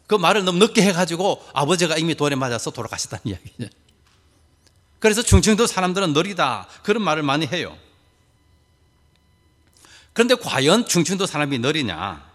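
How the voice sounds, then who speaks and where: Pastor preaching with lively pitch. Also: male voice, in a large hall. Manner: asks the congregation rhetorical questions, folksy humorous asides. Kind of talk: sermon.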